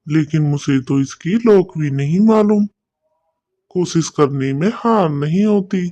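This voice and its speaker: A man's voice: a little high, darkish tone, dry recording. A man voicing a sly thieving male crow in a cartoon, scheming and muttering to himself. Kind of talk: cartoon voice acting.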